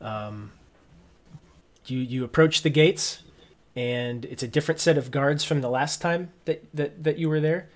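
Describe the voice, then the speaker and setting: A man's voice: on the high side, a little slow. Man narrating a tabletop game. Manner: informal, feels out descriptions as he goes. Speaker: game master.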